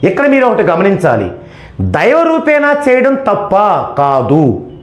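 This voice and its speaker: A high-pitched man explains numerology with a lively, swooping delivery. He talks emphatically, posing questions and then answering them himself. His voice rings in an echoey room. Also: a little slow. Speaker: numerology teacher. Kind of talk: explanatory lecture.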